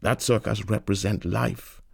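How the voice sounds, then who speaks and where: A man reading a novel aloud in a lilting, expressive storytelling manner. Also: on the low side, measured pace, creaky, breathy edge, dry recording, clean studio sound. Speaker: reader.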